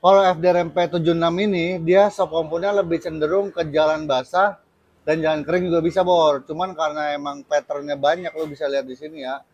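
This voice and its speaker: Male vlog host, Jakarta accent, slightly high husky voice, slangy and chummy product-review delivery. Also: steady tone, fairly quick, a little mellow, no echo, dull audio. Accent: Jakarta Indonesian. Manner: slangy, chummy address to viewers. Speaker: host of a tyre review channel. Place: busy tyre workshop.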